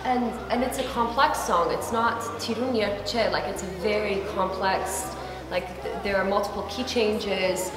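A woman's voice: medium pitch, measured pace, few pauses, over music, a crowd in the background. A woman from the United States talks in a loose, chatty way, stacking fillers and restarting her sentences. The room rings around her with a long reverb tail, like a bare office picked up by a camera mic. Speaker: singer in a vocal group. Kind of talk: casual interview chat. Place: bright modern office, indoors.

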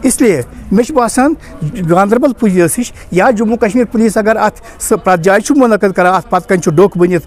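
Middle aged guy, street interview, high-ish voice, slow and halting. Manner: thoughtful, halting, with pauses. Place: outdoors by a building. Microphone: handheld news mics.

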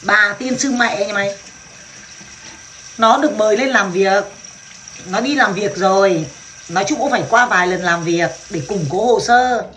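A woman's voice: mid-range voice, normal speed, fairly bright tone, a little hiss or hum. A woman from Vietnam in her thirties, chatting brashly and crudely on a casual livestream and laughing often. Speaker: livestream seller.

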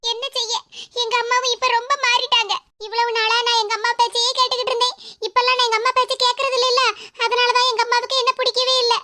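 A woman's voice: very high-pitched, flat delivery, fast, pushed and bright. A woman voicing a tearful young college girl who speaks with a Kanyakumari Tamil accent, in a plaintive, sorrowful way. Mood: upset. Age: young adult. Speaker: college student. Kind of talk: animated cartoon dialogue.

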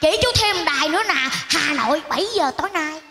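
A woman's voice: sits high, expressive, fairly quick, background noise. A woman, playing a lottery seller who acts like a solemn fortune-teller in a comedy sketch. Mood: flattering. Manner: grand oracular pronouncements. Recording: loud music underneath.

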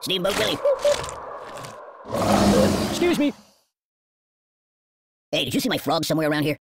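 A woman's voice: low voice, very animated, moderate pace, vocal fry, heavily acted. A woman voicing a cheeky male ragdoll puppet toy in a video game, tossing off quips and yelping when hurt. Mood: chatty. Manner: quippy, yelps and whines when hurt. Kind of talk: video game character voice lines. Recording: loud noisy game audio capture.

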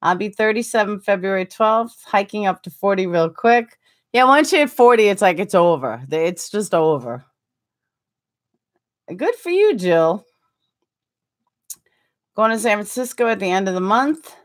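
A woman in her forties runs a relaxed livestream in a small room with curtains behind, recorded on a desktop webcam. Her medium-pitched voice swings widely, moving a little slowly with frequent pauses, as she laughs often and reads viewer comments aloud, teasing herself.

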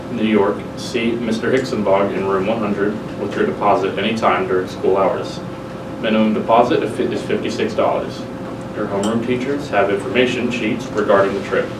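A man reading the morning announcements in a steady, plain way, heard through a school loudspeaker. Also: fairly low pitch. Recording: echoey, distant, noisy public-address sound.

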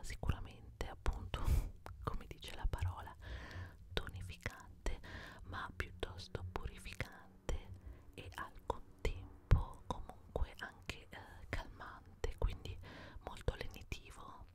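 Slow whispered role-play, soothing female beautician acted by a woman. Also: natural voice. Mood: soothing, attentive. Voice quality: breathy, unvoiced whisper. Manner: soothing, slow, reassuring, fond diminutives. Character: gentle, attentive female beautician pampering a client. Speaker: ASMR performer. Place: indoors at a desk, close up. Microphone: desktop condenser microphone with foam cover, very close.

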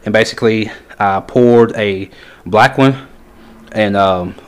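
A fishing lure maker shows off his homemade baits at a workshop workbench in a casual how-to vlog. He rambles with lots of ums and restarts, in a fairly low, slow, smooth voice.

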